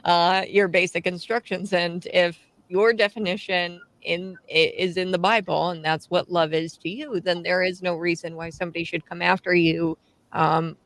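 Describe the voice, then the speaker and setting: A woman in her twenties hosts a talk show with a bright, forceful voice. She chats casually and laughs often between points, and the sound is dry and close. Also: on the low side, no room sound, rough recording. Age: 20s. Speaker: radio talk show host.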